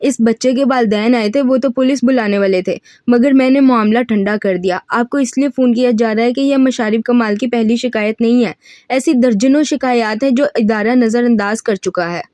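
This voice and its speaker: A woman's voice: a little high, warm tone, no echo, clean studio sound, lightly acted. A woman voicing a stern, polite middle-aged male professor in an audiobook reading of a novel. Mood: formal. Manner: polite, formal, measured.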